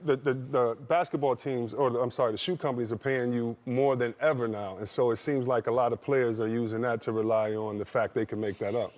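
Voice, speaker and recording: A man's voice: medium pitch, steady tone, a little fast, few pauses, a little mellow. A man hosting a sports talk show, joking and teasing his co-hosts and laughing often. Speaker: studio host. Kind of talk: casual sports chat.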